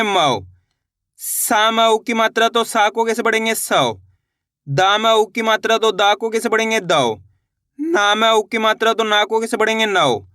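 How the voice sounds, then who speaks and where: A man teaches beginners to read, his voice high and bright. He asks a question, then answers it himself, and drags out each syllable as he sounds it. The recording is dry and close, with no room sound. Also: no echo. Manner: patient, repeats questions and answers them himself; slows and stretches syllables when sounding out words. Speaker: Hindi teacher. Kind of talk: step-by-step reading lesson.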